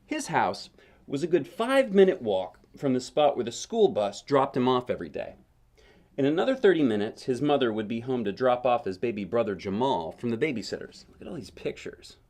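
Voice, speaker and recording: A man reads a children's picture book fairly quickly, in a sing-song, medium-pitched voice that's a little mellow. Parent-style and chatty, he mixes in asides and questions aimed at the listener.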